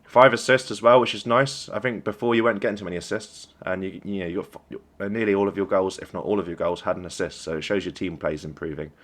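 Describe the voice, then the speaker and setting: A man's voice: sits low, fast, hardly any pauses, fairly bright tone. A young man coaching a team while reviewing a game replay, encouraging and conversational. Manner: encouraging, conversational, praises plays. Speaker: esports coach.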